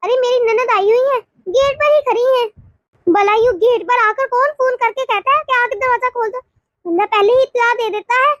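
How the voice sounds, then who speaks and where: Woman voicing a cartoon wife, bossy and brisk, very high pitch, dry sound. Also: fairly bright tone, no echo, dull audio. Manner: brisk, domineering. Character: bossy young married woman, household head. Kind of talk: animated cartoon dialogue.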